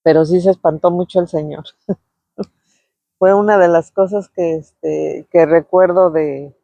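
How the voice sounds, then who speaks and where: A middle-aged woman reminisces in a relaxed, fond way, often stopping on little filler words as she tells her story. Her voice is dry and close, with no room sound. The home recording is a bit dull and lo-fi. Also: fairly low pitch, unhurried, vocal fry, no echo. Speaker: vlogger sharing memories.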